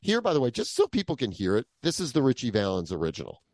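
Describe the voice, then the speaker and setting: A man's voice: mid-range voice, huge pitch swings, quick pace. A man co-hosting a podcast, casually chatting and sharing music trivia. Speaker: co-host of a music countdown podcast. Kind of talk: casual chat.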